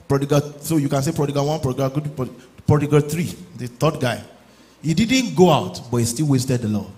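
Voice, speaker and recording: A male pastor preaching a sermon in church, urging the congregation and sometimes rising to loud exclamations. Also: mid-range voice.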